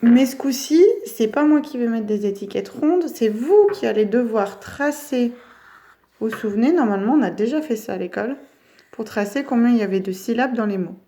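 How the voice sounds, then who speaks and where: A woman teacher giving a phonics lesson to young children, stretching each word slowly as she says it. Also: a little high, mellow. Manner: slow, drawn-out words for children.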